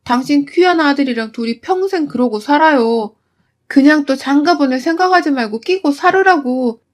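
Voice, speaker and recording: A woman's voice: high voice, normal speed, natural voice. A woman voicing her younger self as an angry wife, talking back sharply and raising her voice. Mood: furious. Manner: sharp, defiant, shouting. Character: furious fed-up young wife.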